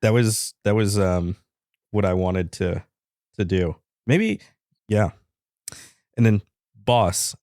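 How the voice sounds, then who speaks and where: A man co-hosts a podcast, telling the story of a chat in a dry, deadpan manner. His voice sits fairly low, and the recording is close and dry. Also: slow, pauses often, dry recording. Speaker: podcast co-host. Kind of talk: casual chat.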